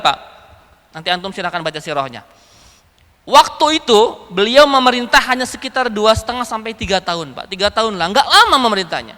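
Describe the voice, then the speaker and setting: Male preacher, high bright voice, animated storytelling sermon, echoey hall. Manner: animated, addresses the audience often.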